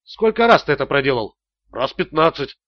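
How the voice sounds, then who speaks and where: A man's voice: a little high, sing-song, normal speed, dry recording, dull audio. A man voicing a beaten, panicking male swindler who whines and gasps his answers. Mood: moaning.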